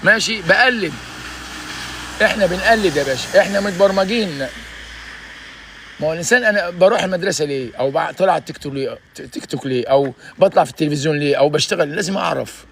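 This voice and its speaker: A man's voice: fairly high pitch, very fast, gravelly, a bit bright, a little hiss or hum. A man in his sixties with an Egyptian Arabic accent gives emphatic, preachy motivational advice in a casual vlog, often saying "ya basha". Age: 60s. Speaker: vlogger giving life advice.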